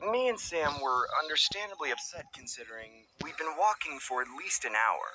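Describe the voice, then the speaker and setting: Lively young man narrating a scary story. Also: a little high, fairly quick, slight background noise, low-quality recording. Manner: expressive, suspenseful storytelling.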